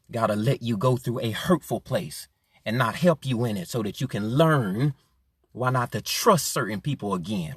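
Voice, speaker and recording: A man preaching a sermon with passion, repeating his phrases and swinging from quiet to loud. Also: medium pitch, slightly rough, no echo, studio quality. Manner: impassioned, repeating phrases, rising and falling in force.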